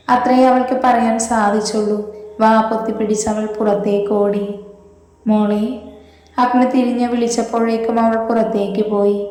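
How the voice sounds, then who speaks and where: A woman tells a family story in a calm, even voice with a mellow, dark tone. She reads every character's lines herself without changing her voice. The recording sounds roomy, with a long reverb tail. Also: medium pitch. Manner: reads all dialogue in her own voice. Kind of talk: scripted story narration. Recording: echoey room with long reverb.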